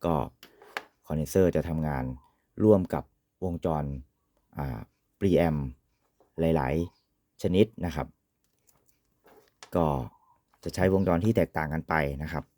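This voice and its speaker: A man's voice: a bass voice, slow, pauses often, mellow, no room sound. A man giving an informal, polite product demonstration as an equipment reviewer, often ending phrases with courtesy particles.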